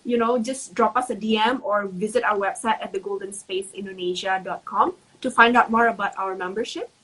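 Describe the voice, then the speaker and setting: A woman's voice: medium pitch, steady tone, brisk, a bit bright, breathy edge, poor audio. A woman hosting a casual online interview, friendly and hesitant, with many fillers. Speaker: host.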